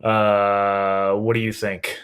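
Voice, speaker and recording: Co-host, man, slightly low voice, measured, mulls things over aloud. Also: monotone, a bit bright, clear, resonant tone. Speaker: podcast co-host. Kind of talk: casual chat.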